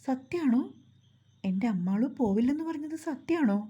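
A woman's voice: high-pitched, animated, moderate pace, mellow, breathy edge, lo-fi sound, pitched above the performer's own voice. A woman voicing a grown man with a childlike mind who speaks in a coaxing, devoted way. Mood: childlike pleading.

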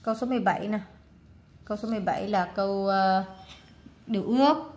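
A woman's voice: medium pitch, fairly quick, darkish tone. Female teacher, casual exam walkthrough, chatty with fillers. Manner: casual, many fillers, reads words aloud and translates. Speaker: English teacher.

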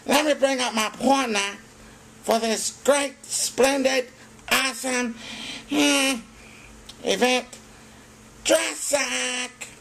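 Brash sock puppet host for a kids' show, played by a man, bright, forceful, sarcastic, faint home-recording noise. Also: very high voice, fairly even intonation, very slow, long pauses, full character voice. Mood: excited. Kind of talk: children's puppet show banter.

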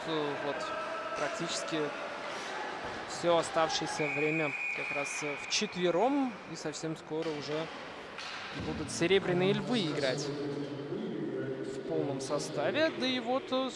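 A man giving unscripted live ice hockey commentary, often pausing mid-sentence to find words. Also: fairly high pitch. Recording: loud rink noise behind the voice. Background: noisy indoor ice rink.

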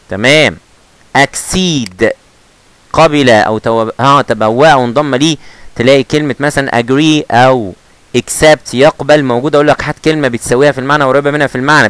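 A man with an Egyptian Arabic accent teaching English vocabulary, teasing his students and repeating each word slowly. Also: medium pitch, fairly bright tone, no echo, rough recording. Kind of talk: vocabulary lesson.

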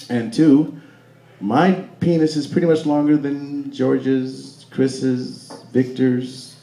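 An American man with a mid-range voice does a profane stand-up roast on a club stage before a live audience. He's brash, animated and swearing, and quick to snap back at hecklers. His handheld stage mic runs through a roomy club PA, filmed from the crowd amid audience noise.

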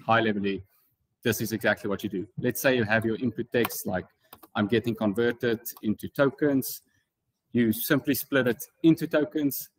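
A conference speaker with a South African accent walks through an informal tech tutorial using slides, explaining things in a relaxed way. His voice is medium-pitched, and the recording is dry and low in quality.

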